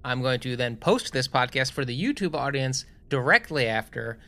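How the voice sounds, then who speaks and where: Enthusiastic rambling man with a bright voice. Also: mid-range voice, animated, moderate pace. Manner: rambling, enthusiastic, many restarts. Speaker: podcast co-host. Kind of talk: casual podcast chat.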